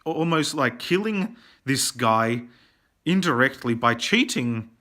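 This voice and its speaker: A man casually reviewing a film, rambling and animated, with plenty of fillers. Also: mid-range voice, slow pace.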